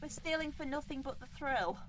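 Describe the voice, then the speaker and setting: A woman's voice: sits high, expressive, moderate pace, noisy background. A woman chatting casually while playing a game, hesitating often with fillers and restarts. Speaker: co-player. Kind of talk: casual gameplay chat.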